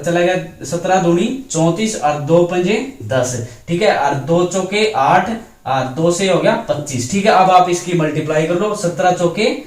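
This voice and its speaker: A man's voice: a little high, darkish tone. Man teaching maths in an echoey room. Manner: explains step by step, often checking with "ठीक है". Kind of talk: whiteboard maths lesson.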